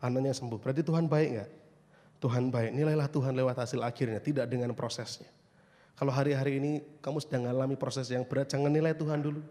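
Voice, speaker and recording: A man, preaching a youth sermon in a lively way, often asking the congregation questions and acting out quoted voices. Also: mid-range voice, fast talker. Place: church hall. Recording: long hall reverb.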